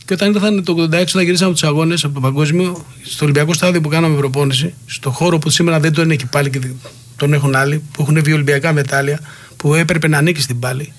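A man's voice: on the high side, steady tone. Heated middle-aged man telling wrestling stories. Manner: heated, rambling anecdotes with quoted dialogue. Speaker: guest, former wrestler. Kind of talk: interview storytelling.

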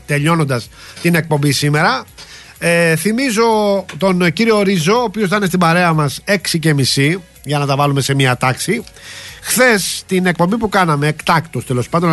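Lively-voiced male radio host. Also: fairly high pitch. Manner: chatty, reads a text aloud with asides. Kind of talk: casual radio talk.

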